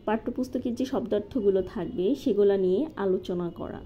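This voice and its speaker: A woman calmly walking through a lesson plan step by step, as a teacher-training instructor. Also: mid-range voice, a little fast. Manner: methodical, step-by-step with occasional fillers. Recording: slightly dull lo-fi recording with faint noise.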